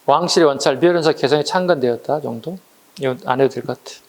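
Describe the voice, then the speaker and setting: A middle-aged man teaching a history exam-prep class online, lively and blunt, firing rhetorical questions at his students. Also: medium pitch, fast. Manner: acts out quarrels in slangy voices. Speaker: history lecturer.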